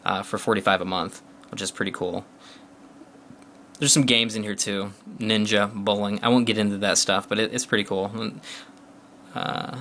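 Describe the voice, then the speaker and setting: In a relaxed walkthrough of a phone's features, a male reviewer talks along while tapping, loose and full of uh's and restarts. His bright, forward voice sits at a fairly low pitch.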